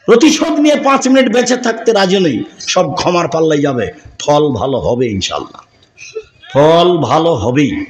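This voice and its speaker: A man preaching a sermon, forceful and emphatic, switching between loud declaiming and quiet asides. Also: fairly high pitch, sing-song, a little fast. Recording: echoey room.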